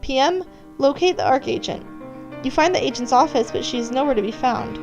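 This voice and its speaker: With an animated, high-sitting voice and a slightly fast delivery, a woman reads second-person scripted narration aimed at the listener as the character. The recording is rough, with music underneath.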